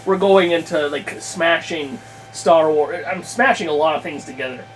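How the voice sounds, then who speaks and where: At a moderate pace and a slightly high pitch, a man talks tabletop games on a podcast, where he's a guest mapping out a campaign. His talk meanders, thought out loud and doubling back mid-sentence, while noise and hum sit clearly under the rough recording.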